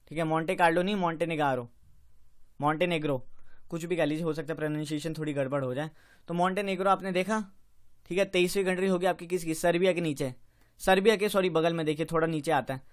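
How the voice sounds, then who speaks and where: High-voiced man drilling map lessons. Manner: repetitive drilling, slows on tricky country names; self-correcting, apologizes for slips. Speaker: geography teacher. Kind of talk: exam-prep map lecture.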